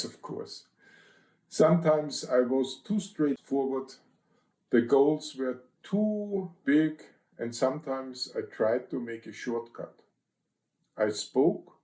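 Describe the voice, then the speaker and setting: An older man from Austria speaks in short clipped phrases, slow and deliberate, with a gravelly edge. His voice is mellow and dark. It sounds a little roomy. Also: medium pitch. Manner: terse, clipped list-like phrases. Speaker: guest. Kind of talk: interview answers.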